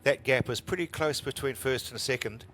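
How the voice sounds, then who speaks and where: A man's voice: medium pitch, normal speed, noisy background. Conversational male New motorsport commentator. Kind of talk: live motor racing commentary.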